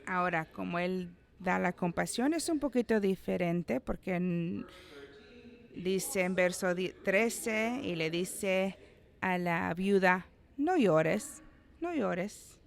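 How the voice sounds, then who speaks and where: A man delivers a sermon at an easy, unhurried pace, his voice carrying a gravelly edge. He talks to the congregation conversationally, tossing in playful asides. He acts out the voices of the people in the story. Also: sits high. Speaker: pastor. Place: church service.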